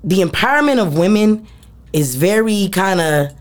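A woman's voice: medium pitch, expressive, moderate pace. A woman in her thirties, a rapper, talking candidly and emphatically in a casual interview, often adding "you know what I'm saying". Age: 30s. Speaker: rapper and singer, interview guest.

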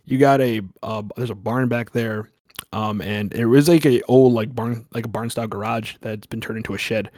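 A man's voice: fairly low pitch, fairly even intonation, normal speed, darkish tone, no room sound. Brief: casual, swearing male game master setting up a spooky scene, dry sound. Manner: rambling, profane, casual. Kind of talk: narrating a horror tabletop game.

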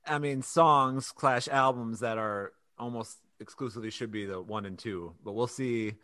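Bright dry-voiced man rambling casually. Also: mid-range voice, moderate pace, no room sound. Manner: rambling with many restarts. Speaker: podcast host. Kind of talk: casual podcast chat.

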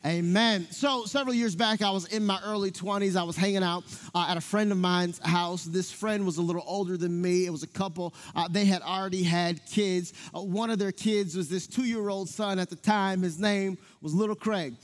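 High-voiced pastor preaching in a church hall. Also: male voice, moderate pace, hardly any pauses. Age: 30s. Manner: animated storytelling preacher, speaks to the congregation directly. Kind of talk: sermon. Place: church sanctuary.

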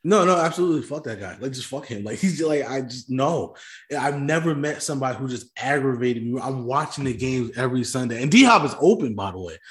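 A man's voice: medium pitch, animated, fairly quick. A man co-hosting a sports podcast in casual chat, ranting animatedly, swearing and laughing often. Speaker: podcast co-host.

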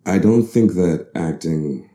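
A Bahamian actor in his thirties tells his story thoughtfully during an interview, often correcting himself and laughing easily. He speaks slowly in a low, mellow voice, and the room gives a noticeable echo.

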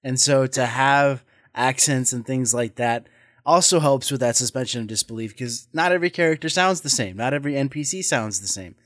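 A man's voice: medium pitch, fairly quick, a bit bright, no echo, studio quality. Man hosting a tabletop game chat. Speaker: podcast host and dungeon master. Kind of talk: casual conversation.

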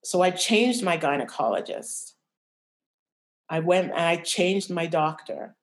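Reflective woman, lowish voice, halting speech. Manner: reflective, halting, many restarts. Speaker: podcast guest. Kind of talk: candid personal interview.

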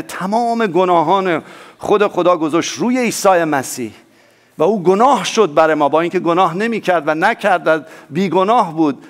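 Man, pastor, sermon, high voice, emphatic then hushed, asks the congregation for replies. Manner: animated preaching, swings from loud emphasis to soft low asides.

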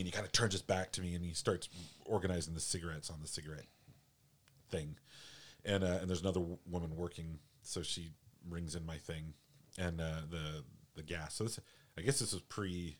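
A man telling a personal story in casual chat, halting and full of restarts. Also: low voice.

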